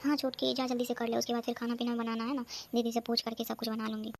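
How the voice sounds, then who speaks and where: A woman's voice: on the high side, completely flat delivery, darkish tone, a little hiss or hum, natural voice. A woman voicing a worried young housewife in a cartoon. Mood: placating. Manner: hurried, worried chatter. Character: anxious hardworking young elder sister-in-law, housewife. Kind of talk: cartoon voice acting.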